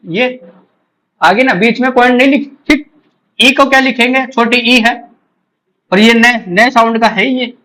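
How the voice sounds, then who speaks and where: High-voiced man teaching phonetics. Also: a bit bright, rough recording. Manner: repeats points, drills sounds slowly aloud. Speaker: English teacher. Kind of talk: exam-prep lesson.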